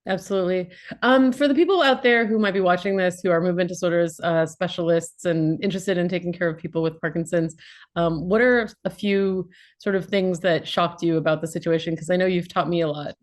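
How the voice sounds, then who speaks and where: Woman interviewer, low voice, conversational, clinician. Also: fairly even intonation, brisk. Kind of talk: interview questions and commentary.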